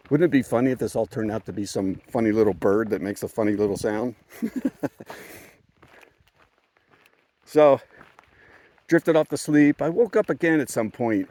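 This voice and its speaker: A man with a fairly low voice tells a story outdoors on a mountain trail for his hiking vlog. He rambles, chuckles often and restarts his sentences as he talks. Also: a little mellow. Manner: rambling, chuckling, self-correcting. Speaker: thru-hiker vlogger.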